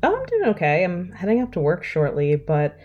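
A woman's voice: lowish voice, huge pitch swings, brisk, muffled recording. A woman voicing a friendly young woman who chats with her housemates in a role-play.

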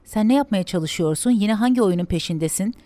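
A woman voicing a bitter young woman who shouts hateful words at her twin sister. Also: mid-range voice, lively intonation, a little fast, dry recording, voice pushed up, close to an everyday voice. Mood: furious. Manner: shouting, venomous.

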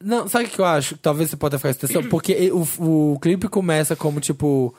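A woman's voice: deep voice, fast, a little mellow, husky, dry recording, studio quality. A woman co-hosting a podcast in casual chat, reacting with enthusiasm. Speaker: podcast co-host.

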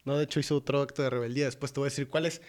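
A man's voice: mid-range voice, fairly even intonation, rapid-fire, a little mellow. A young man with a Mexican Spanish accent, recapping a film in a crude, slangy comedic chat and acting out the characters' lines. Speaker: podcast co-host.

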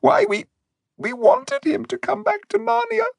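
A squeaky frightened mouse. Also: male voice, big pitch swings, a little slow, creaky, no room sound, exaggerated voice, low-quality recording. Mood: fearful, plaintive. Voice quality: squeaky, tearful. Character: frightened little mice of Narnia, timid. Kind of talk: audiobook reading.

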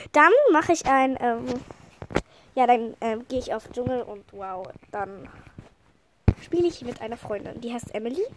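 Sniffling from a head cold, a gameplay commentator rambles casually through her playthrough, filling her chatter with fillers. Her voice sits fairly high, and background noise is audible.

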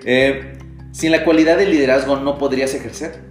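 A man with a Mexican accent hosting a casual interview, playful and quick to joke and laugh. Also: medium pitch, fairly even intonation, faint music behind. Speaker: podcast host. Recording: echoey room.

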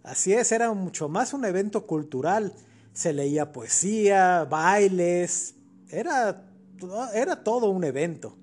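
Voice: mid-range voice, expressive, a little slow, darkish tone. A podcast co-host with a Mexican accent, explaining history in a casual chat with colloquial asides.

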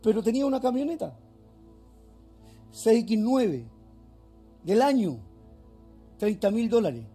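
A man's voice: sits high, very animated, slow, long pauses, warm tone, slightly rough, soft background music. A male pastor preaching a fervent sermon in a church, firing off rhetorical questions.

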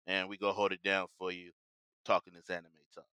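A man's voice: low voice, level tone, quick pace, sharp tone, smooth, no echo. A man hosting a podcast, chatting casually about anime in an informal, slangy, upbeat way. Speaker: podcast host.

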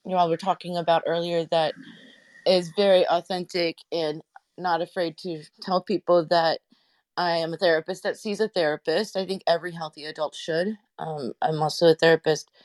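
A woman's voice: fairly low pitch, steady tone, normal speed, darkish tone, dry recording. A woman therapist and radio host chatting in a live audio room, talking over her phone's speaker and rambling with many fillers. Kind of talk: casual live audio-room panel chat.

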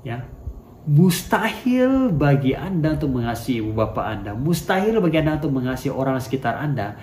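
A man's voice: medium pitch, a little mellow. A male pastor preaching a sermon to his congregation in a church hall. He asks emphatic rhetorical questions and slips into English phrases. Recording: echoey room with faint background noise.

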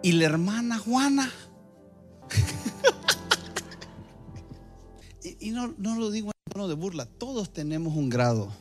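A man's voice: high voice, animated, a little fast, few pauses, faint music behind. A male pastor preaching a sermon, building emphatic phrases that surge and repeat.

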